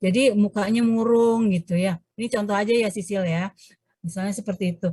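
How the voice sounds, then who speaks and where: A woman lecturer speaks to her class over a video call, her voice sitting at an ordinary middle pitch. She explains things step by step, pausing often to hesitate and correct herself. She lifts her tone now and then to demonstrate an example. The sound is dry, with no room echo. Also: fairly even intonation, dark tone. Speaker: university lecturer.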